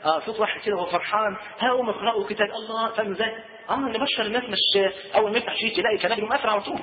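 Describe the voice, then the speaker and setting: Fast-talking high-voiced Egyptian preacher. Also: male voice. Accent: Egyptian Arabic. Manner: chatty, keeps asking rhetorical questions. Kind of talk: colloquial religious lesson. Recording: tinny lo-fi roomy recording.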